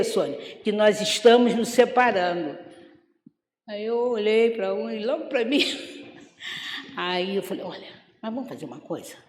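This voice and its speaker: Older Brazilian woman, lecturer. Slow, measured storyteller, roomy hall sound. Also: fairly high pitch, darkish tone, a little hiss or hum. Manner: unhurried, storytelling, acts out quoted speech. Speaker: spiritist lecturer. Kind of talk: gospel talk with personal stories. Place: lecture hall of a spiritist center. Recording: echoey hall.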